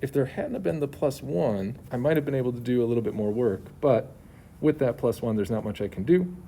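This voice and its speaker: Muffled, mellow man teaching math. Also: medium pitch, fairly quick, creaky. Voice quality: slightly muffled by a face mask. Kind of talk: homework solutions walkthrough, explanatory. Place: at a school. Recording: muffled through mask, faint background noise.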